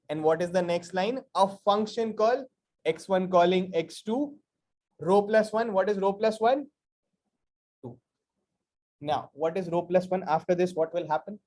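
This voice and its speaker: Male programming instructor, North Indian accent, high register, emphatic, repetitive question-and-answer lecturing style. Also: a little mellow. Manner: emphatic, repetitive, quizzing listeners with rhetorical questions. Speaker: programming teacher. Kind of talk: interactive live coding lecture.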